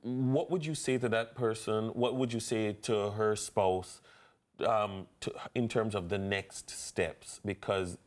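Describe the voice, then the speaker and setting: A man's voice: lowish voice, steady tone, slow. A man co-hosting a morning TV show, asking a guest questions with hesitant fillers. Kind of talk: TV studio interview.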